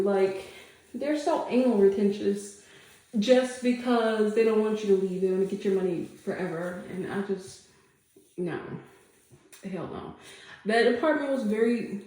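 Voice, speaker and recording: A woman's voice: on the high side, dark tone. A woman vlogger with a congested, stuffy nose, chatting casually to camera at home in a rambling way with lots of fillers. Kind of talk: casual update chat. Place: home room. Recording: very echoey room.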